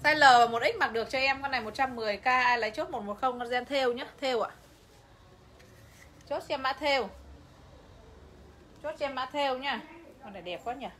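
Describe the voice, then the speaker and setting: Bright high-voiced woman selling clothes live. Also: brisk, pauses often, a little hiss or hum. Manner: chatty, addresses viewers directly, laughs often. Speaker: livestream clothing seller. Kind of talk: live sales pitch.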